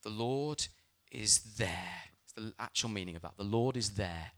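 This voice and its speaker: A man preaching a sermon as a pastor, speaking with emphasis and telling lively personal stories. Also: fairly low pitch, normal speed.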